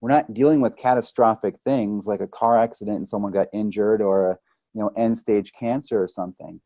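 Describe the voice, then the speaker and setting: In a dry recording, a man with a lowish, dark voice speaks briskly and steadily. He is a chiropractic or holistic health practitioner and podcast guest who chats conversationally during the interview, relying on analogies and often asking "right?"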